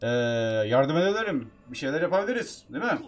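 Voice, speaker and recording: A man giving casual, chatty commentary while playing a video game, excitable, bursting into shouts. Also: fairly high pitch, quick pace. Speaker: game streamer.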